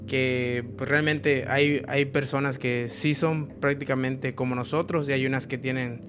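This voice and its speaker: A man's voice: medium pitch, fairly even intonation, a little slow. A man hosting a podcast, chiming in with short questions and agreeing remarks in casual chat. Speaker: podcast host. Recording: music playing under the voice.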